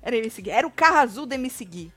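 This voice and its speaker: A woman's voice: on the high side, expressive, rapid-fire, a bit bright, soft background music. A woman from São hosting a casual gossip chat, teasing and repeating phrases for effect. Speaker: show host.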